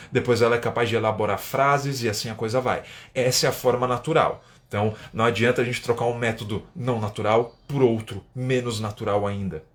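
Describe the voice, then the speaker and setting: A Brazilian man teaches in a relaxed, conversational way on a live stream, at an ordinary mid-range pitch for a man. He explains things step by step, checks in with listeners and tags his sentences with quick "né?" asides. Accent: Brazilian Portuguese. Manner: chatty, explains step by step, tags sentences with "né?", reads viewer comments aloud. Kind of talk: casual live-stream lesson.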